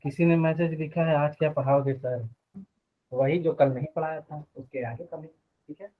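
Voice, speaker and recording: A man's voice: on the high side, steady tone. Teacher with a phone-like sound, man. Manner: explains step by step, quizzes students with quick questions. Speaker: physics teacher. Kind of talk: live online class.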